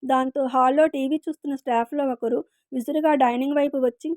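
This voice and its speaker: A woman narrating a story in a steady, expressive reading voice. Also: sits high, a little fast, dry recording, clean studio sound.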